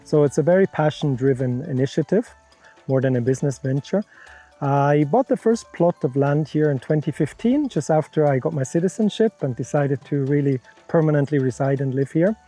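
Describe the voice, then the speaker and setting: Middle-aged european guy explaining stuff in an interview, kinda high for a man, soft music behind. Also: brisk. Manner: frank, explanatory, builds worked examples. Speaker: founder of a conservation center. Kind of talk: interview answers.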